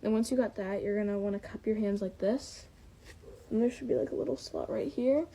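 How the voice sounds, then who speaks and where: A woman's voice: medium pitch, brisk, warm tone. A woman giving a casual tutorial through a mask, apologetic and self-deprecating. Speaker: tutorial maker. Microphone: speaking through a mask.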